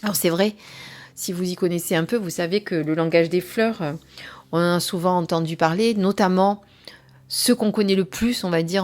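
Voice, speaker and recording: A woman presenting and reviewing an oracle card deck in a casual, hesitant way, with frequent fillers and soft whispered asides, reading some passages aloud. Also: on the low side.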